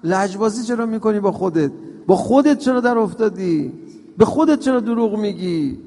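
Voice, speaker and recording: A man giving a religious lecture, emphatic, firing rhetorical questions and sometimes dropping to a soft, hushed tone. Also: high voice, animated. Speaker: preacher. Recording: long hall reverb.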